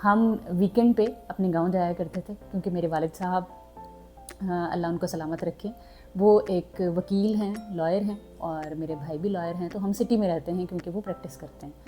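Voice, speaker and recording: A young vlogger from southern Punjab, Pakistan, chats casually with her subscribers, using frequent fillers and mixing in English words. Her voice is on the low side and mellow, with a steady tone and moderate pace, over soft background music.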